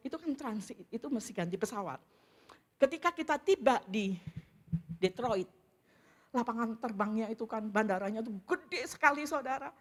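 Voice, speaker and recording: A middle-aged woman giving a sermon testimony, telling her story in a lively way and often calling out to the congregation. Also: fairly high pitch. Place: church sanctuary.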